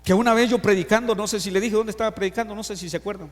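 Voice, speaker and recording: A middle-aged male pastor delivers a lively sermon with a fairly high voice. He acts out scripture and asks his congregation questions. His voice rings with the long reverb of a church hall. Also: rapid-fire. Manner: animated, acts out Bible quotes and stories, asks the congregation questions. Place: church sanctuary.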